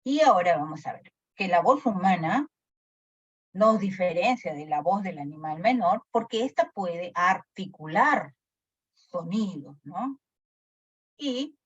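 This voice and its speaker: A woman's voice: mid-range voice, slightly rough, no room sound. A woman teacher giving a lecture who keeps asking her class questions. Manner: animated, asks the class questions often. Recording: dry, dull lo-fi sound.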